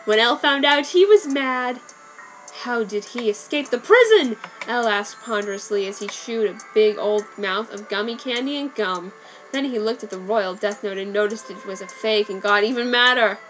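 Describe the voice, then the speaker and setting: A woman reads fan fiction in a comic, dramatic style, tossing in wry offhand asides. Her voice is a little high, animated and fairly bright, at a moderate pace, with faint music in the background.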